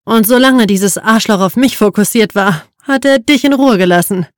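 A woman reading an audiobook, voicing a defiant, sarcastic young man who drawls his mocking quips slowly. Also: mid-range voice, no room sound, voice pushed up, close to an everyday voice. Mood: wry. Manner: dry mocking quips, slow and drawn out.

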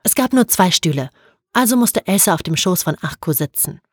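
A woman narrating an audiobook in a calm, even storytelling manner. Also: lowish voice, a little fast, slightly rough, no room sound, clean studio sound.

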